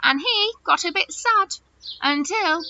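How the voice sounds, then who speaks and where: A children's teacher leads little ones through simple activities after a story, her high voice swooping as she chats and poses questions at a measured pace. She plays up gasps and wonder in an animated way for the kids. Loud noise and clicks run through the dull audio.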